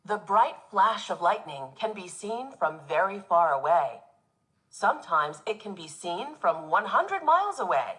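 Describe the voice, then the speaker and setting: Reading a nonfiction book for children, a woman teacher speaks a little slowly in a medium pitch, expressive and instructive for her young pupils.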